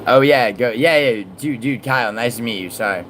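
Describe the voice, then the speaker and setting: The audio is poor, with some hiss or hum, as a medium-pitched, slightly bright-voiced man talks a little fast on his casual livestream. Born in Italy and raised in New York, he reads viewer messages, swears a lot, rambles, and trails off mid-sentence.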